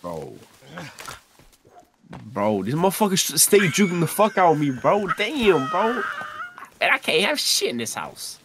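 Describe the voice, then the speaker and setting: Loud, cursing young man gaming. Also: a little high, huge pitch swings, a little slow, pauses often, background noise. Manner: loud, profane, laughing trash talk. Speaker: gamer streaming with friends. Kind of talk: casual gaming banter.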